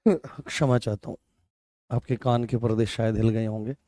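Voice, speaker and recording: A man's voice: on the low side, steady tone, normal speed, dark tone, no echo. Hindi teacher quizzing his class. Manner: repeats key points and quizzes students with questions. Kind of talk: online live class.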